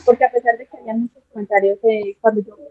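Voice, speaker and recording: A young woman with a Colombian accent tells her story in a casual interview, animated and often acting out what others said to her. Her voice sits a bit high. The sound is thin and phone-like, and dry with no room echo. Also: quick pace. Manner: animated storytelling, acts out quoted exchanges. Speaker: interview guest. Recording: tinny dry phone-like line.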